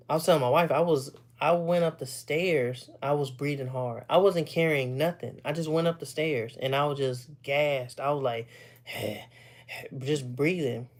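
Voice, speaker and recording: Breathless man chatting casually. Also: a little high. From Texas. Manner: relaxed, rambling, clears throat often. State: short of breath, stops for air. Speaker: streamer chatting with viewers. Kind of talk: casual chat.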